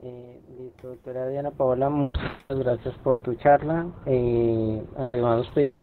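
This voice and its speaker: A man hosts an online talk from his cellphone, and the bad connection leaves his voice thin and phone-like, with a faint hiss behind it. He talks hesitantly, filling pauses with many "eh" sounds. His pitch sits at an ordinary level for a man. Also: steady tone. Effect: bad phone connection, thin and breaking up. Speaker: moderator of an online seminar. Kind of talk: casual hosting over a video call. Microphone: cellphone on a video call. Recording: tinny phone line with faint noise.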